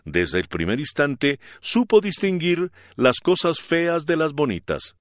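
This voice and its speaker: A man reading a classic novel aloud as an audiobook narrator, in an expressive, dramatic way. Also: fairly high pitch, unhurried, no room sound, studio quality.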